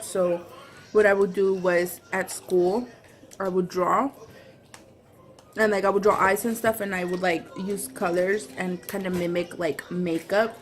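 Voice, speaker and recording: Casual female vlogger, chatting to viewers while eating a meal. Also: fairly low pitch. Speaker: vlogger and mother.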